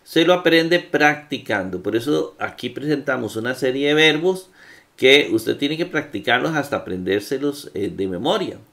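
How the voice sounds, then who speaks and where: A man's voice: mid-range voice, lively intonation, gravelly, fairly bright tone. A man teaching Greek grammar in a classroom lecture, patient and full of fillers. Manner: slow, patient, with many fillers and checks.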